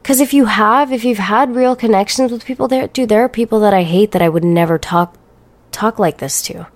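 A woman's voice: mid-range voice, a little fast. A woman hosting a solo podcast, talking in a blunt, profane, ranting and sarcastic way. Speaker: podcast host.

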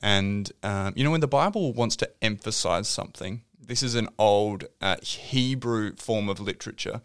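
A man with a low, smooth voice talks through a Bible passage in a relaxed podcast chat. He explains with everyday examples and teases his co-host. The sound is close and dry. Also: moderate pace, no echo. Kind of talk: casual Bible teaching chat.

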